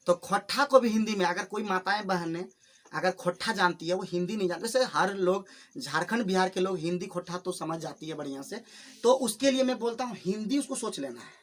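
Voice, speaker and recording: Slow, patient male English teacher. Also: high-pitched. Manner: slow, repetitive explaining, addresses students fondly. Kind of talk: spoken English lesson taught in Hindi. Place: classroom with students. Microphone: filmed on camera without a microphone.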